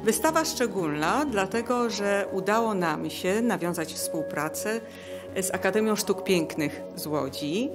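A woman with an average-pitched voice delivers an opening welcome as host. Music is clearly audible behind her. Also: lively intonation, unhurried. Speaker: exhibition host. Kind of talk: welcome speech at exhibition opening.

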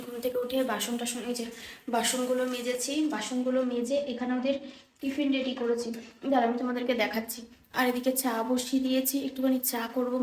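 A woman with a Bengali accent chatting softly in her home kitchen for a daily vlog, keeping her voice low so as not to wake the household. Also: reverberant, a little hiss or hum. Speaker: vlogger.

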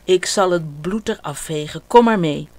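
An older woman voicing a gentle, patient mother with a soothing tone in a children's story. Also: lowish voice, normal speed, close to an everyday voice. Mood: caring.

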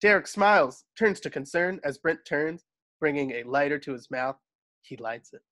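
With a fairly high, sharp voice and an expressive delivery at a moderate pace, a man narrates stage directions. It's a screenplay table read on a video call, and he's indoors at home using the call's microphone.

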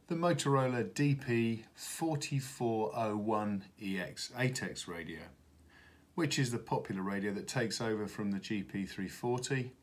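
Seated indoors at a wooden office table, a middle-aged presenter for a radio retailer unboxes a product without a script. His lowish voice stumbles along with frequent hesitations over constant background room noise.

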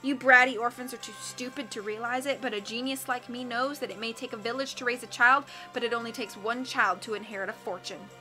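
A wheezy, smug villain in disguise gloats over his captives in a storybook reading, as a woman puts him on. The voice drops low and quiet and keeps a sneering, cruel edge. Faint music plays underneath. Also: fairly even intonation, fairly quick, hardly any pauses. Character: scheming male villain in a detective disguise.

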